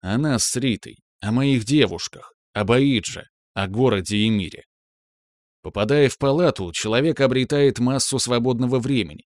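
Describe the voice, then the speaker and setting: Calm male audiobook narrator. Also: mid-range voice, moderate pace, no echo. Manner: calm, reflective. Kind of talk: first-person audiobook narration.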